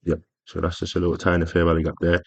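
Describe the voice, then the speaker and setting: A man's voice: deep voice, monotone, quick pace, creaky, breathy edge, no room sound, lo-fi sound. A man explaining a trading strategy over his screen in a casual tutorial, rambling with frequent fillers and self-corrections. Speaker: trading educator.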